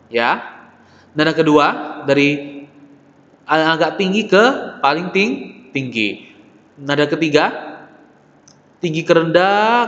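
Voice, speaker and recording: A man's voice: fairly high pitch, a bit bright. Patient male language teacher in an echoey room. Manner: patient, repeats syllables and checks in with "ya" and "oke". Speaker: Mandarin teacher. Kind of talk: classroom lesson explaining Mandarin tones. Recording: echoey, dull, lo-fi room recording with long reverb.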